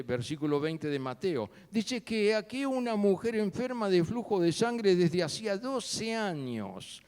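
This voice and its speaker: A man preaching a sermon, telling the story with sudden loud and soft turns. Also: high voice. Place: church sanctuary. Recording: long church hall reverb.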